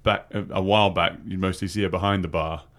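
A man's voice: deep voice, steady tone, fast talker, a bit bright. A man with a Suffolk accent co-hosting a radio show in casual, bantering chat.

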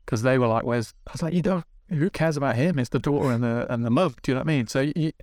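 A man, a TV director, telling animated casual stories on a podcast, swearing and acting out what people said. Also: mid-range voice, very fast, no room sound, clean studio sound. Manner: animated, swearing, acts out dialogue. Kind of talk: casual storytelling. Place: podcast studio.

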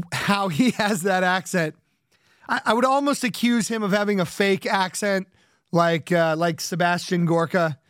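A man's voice: high voice, a bit bright, no room sound, clean studio sound. A man hosting a podcast, rambling casually with lots of fillers, joking about himself and laughing often. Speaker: podcast host.

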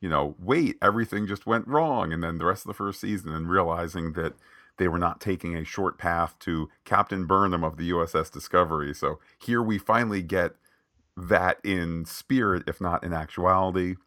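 A man's voice: sits low, normal speed, sharp tone, dry recording, clean studio sound. A man co-hosting a podcast, recapping a TV episode in casual chat, wordy, with lots of "uh" fillers and jokey tangents. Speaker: podcast co-host.

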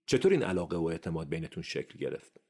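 Deep gravelly man hosting a podcast. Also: big pitch swings, a little mellow. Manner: earnest, addresses listener directly, rising emphasis on key phrases. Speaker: podcast host. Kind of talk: motivational podcast monologue.

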